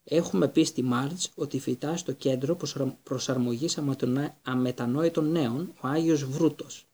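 A man reading an audiobook voices a loud, bullying middle-aged uncle who growls his threats. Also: mid-range voice, lightly acted. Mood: menacing. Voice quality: growling, gravelly.

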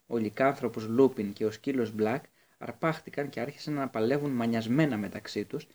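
A man narrating an audiobook in a steady reading voice, with occasional slips and restarts. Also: mid-range voice.

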